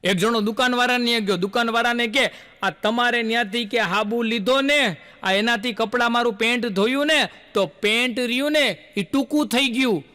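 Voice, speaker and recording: A man's voice: very high-pitched, moderate pace, pushed and bright. A male stand-up comedian, telling folksy jokes and acting out the lines of his characters.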